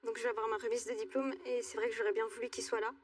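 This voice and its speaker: A woman in her twenties from Alsace, speaking hesitantly with many pauses and fillers as a talk show guest. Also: fairly high pitch, level tone, husky, distant mic. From Alsace, France. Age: 20s. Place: TV studio.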